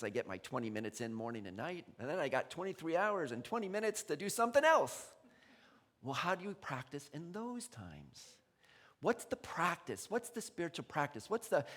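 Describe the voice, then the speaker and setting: A male pastor giving a sermon in a conversational, animated way, laughing often. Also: fairly high pitch. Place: church sanctuary. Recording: long reverb in a large hall.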